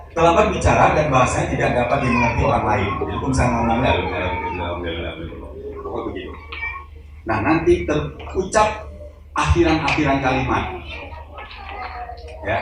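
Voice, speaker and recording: A man lecturing at a live seminar, his voice echoing heavily through a large room and picked up from a distance. He jokes with the audience and acts out little examples as he goes, over a steady noise in the background. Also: medium pitch. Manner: joking, addresses audience directly, acts out examples. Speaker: seminar speaker. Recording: echoey hall, voice from far off, noisy.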